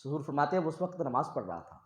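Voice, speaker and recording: A man preaching an Urdu sermon and telling a story, emphatic, his voice swelling loud on key phrases. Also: a little high, big pitch swings. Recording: echoey room.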